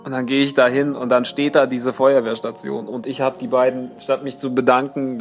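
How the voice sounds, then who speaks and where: A young man hosting a podcast, telling a story in a casual, rambling, self-mocking way with many fillers. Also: mid-range voice. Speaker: podcast host.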